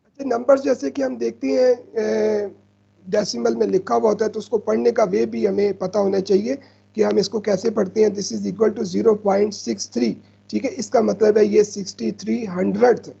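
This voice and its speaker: A man's voice: sits high, steady tone, moderate pace, creaky, warm tone, husky, highs cut off. A man, patiently teaching decimals over slides and repeating himself often. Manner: patient, repeats "ठीक है" often, mixes in English terms. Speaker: math teacher.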